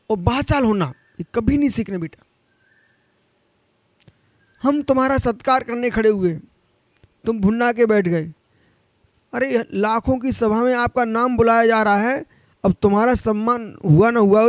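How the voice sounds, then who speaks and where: A man with a notably high voice delivers a monk's sermon, scolding and exhorting his listeners directly. His pitch climbs on emphatic points, and the sound is dry and close, with no room echo. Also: measured pace, pauses often. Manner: admonishing, addresses listeners directly. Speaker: Jain monk.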